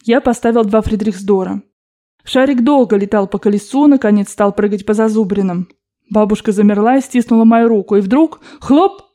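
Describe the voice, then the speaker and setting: A woman narrating an audiobook in a steady, expressive reading voice. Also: medium pitch, brisk.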